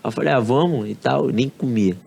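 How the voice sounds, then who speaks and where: A man from Rio de Janeiro with a Carioca accent, a podcast guest telling a personal story in slangy, relaxed talk and acting out quoted dialogue. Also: medium pitch, a little fast, creaky, slightly rough. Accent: Carioca Brazilian Portuguese. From Rio de Janeiro, Brazil. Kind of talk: casual storytelling.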